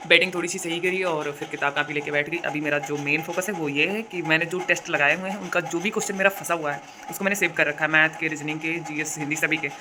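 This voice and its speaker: A woman's voice: low voice, a little fast, background noise. A young woman from India chatting casually in a vlog, telling stories, with a sore throat and a cough now and then. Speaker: vlogger.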